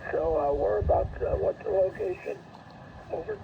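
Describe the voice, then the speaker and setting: An older man, a ham radio operator, heard over a ham radio receiver, calling slowly and repeating himself. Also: very high-pitched, sing-song, vocal fry. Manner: slow, repetitive call-sign calling. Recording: muffled, distant radio with static.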